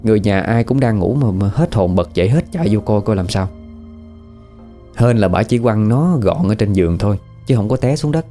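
A man's voice: fairly low pitch, expressive, moderate pace, dark tone, faint music behind. A man with a Southern Vietnamese accent telling a horror story in a chatty, conversational way, often asking the listener questions. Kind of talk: casual spoken horror storytelling.

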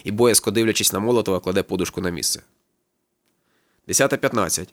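A man narrating a literary audiobook in a brisk, low-key storytelling manner. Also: a bit bright, no room sound, studio quality.

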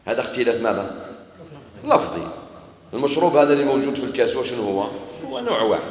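A man's voice: medium pitch, lively intonation, fast talker. A man with an Algerian Arabic accent giving a religious lesson, explaining with questions he answers himself. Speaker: sheikh teaching Quran commentary. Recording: echoey hall, faint room noise.

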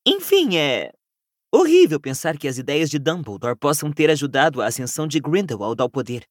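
A man's voice: fairly high pitch, sing-song, normal speed, dry recording, studio quality. A Brazilian man reading an audiobook, voicing an earnest, reasoning teenage witch girl who pleads and explains patiently. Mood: troubled, explaining. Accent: Brazilian Portuguese. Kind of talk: audiobook character voice.

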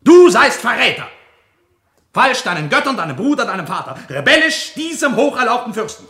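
A man's voice: on the high side, very animated, moderate pace, pushed and bright. A man playing a solemn, righteous knight making an accusation in a classic theatrical radio play. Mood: accusing, fierce. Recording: roomy echo on the voice.

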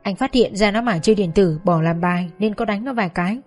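A woman's voice: medium pitch, fast talker, darkish tone, faint music behind, close to an everyday voice. A woman voicing an anxious ex-husband and father, speaking in a troubled, explaining way.

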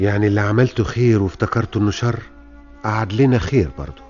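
An actor playing an anxious middle-aged father in a classic radio drama, speaking Egyptian Arabic, emotional and rising in pitch when upset. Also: fast, a little mellow, lightly acted. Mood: reflective, resigned. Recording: lo-fi old radio with faint music.

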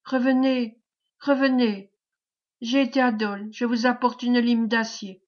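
A woman reading an audiobook, voicing a frightened but brave young woman who pleads in anxious, hushed tones. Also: on the high side, level tone, unhurried, lightly acted. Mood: pleading. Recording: dull lo-fi recording.

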